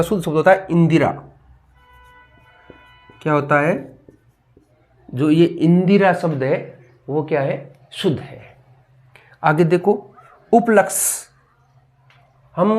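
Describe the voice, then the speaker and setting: In a Hindi grammar lesson, a man with a somewhat high voice goes word by word, asking the class what each one is and then supplying the answer. He drills spellings through repeated questions and answers, steady and methodical like a classroom exercise.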